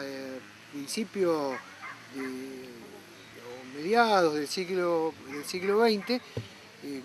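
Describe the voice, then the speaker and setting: A man who explains local history in a measured, explanatory way for a documentary. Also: high voice, a little hiss or hum. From Argentina.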